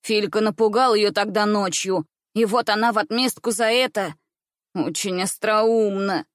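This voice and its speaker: A woman's voice: medium pitch, measured pace, no room sound, lightly acted. Woman doing whiny smug boy, spiteful, dry recording. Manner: smug, whining.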